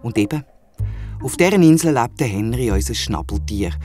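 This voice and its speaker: A man's voice: medium pitch, lively intonation, moderate pace, a little mellow, faint music behind. A man with a Swiss German accent narrating a children's audio drama in a playful, chatty way with little asides.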